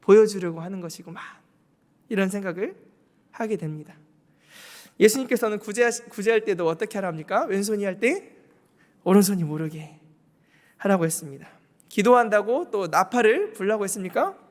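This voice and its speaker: A man's voice: high voice, animated, brisk, long pauses. Male pastor preaching in a reverberant sanctuary. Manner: storytelling, acting out quotes, asks the congregation questions. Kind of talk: sermon. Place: church sanctuary. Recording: long hall reverb.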